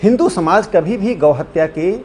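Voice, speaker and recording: A man's voice: high-pitched, animated, moderate pace, a little mellow, slight background noise. A man making emphatic, declarative statements in an interview.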